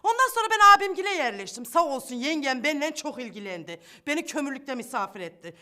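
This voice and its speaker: An actress playing a downtrodden rustic widow looking for a husband, shy at first and bluntly folksy. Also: female voice, sits high, very animated, quick pace, pushed and bright, exaggerated voice.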